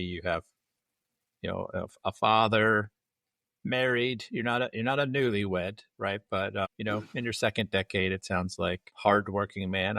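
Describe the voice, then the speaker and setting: Low-voiced man hosting a podcast. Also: vocal fry, fairly bright tone, no echo, clean studio sound. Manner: casual and conversational, with small restarts. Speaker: podcast host. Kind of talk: interview podcast.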